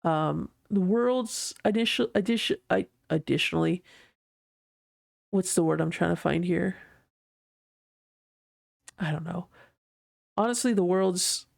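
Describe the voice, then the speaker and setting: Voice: medium pitch, creaky, darkish tone, no room sound, studio quality. A podcast host talking alone in a casual monologue, rambling and correcting themselves often. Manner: rambling, heavy on "like" and self-corrections.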